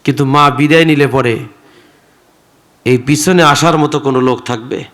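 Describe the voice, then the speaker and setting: A man's voice: medium pitch, steady tone, fairly bright tone. A man with a Rangpur Bengali accent preaching a tearful, emotional sermon, calling out questions to the crowd. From Bangladesh. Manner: addresses the crowd with questions, breaks into slow sung verses.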